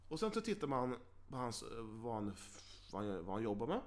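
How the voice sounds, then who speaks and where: A man's voice: medium pitch, sing-song. A young man in casual podcast chat, bantering with crude jokes. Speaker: podcast co-host.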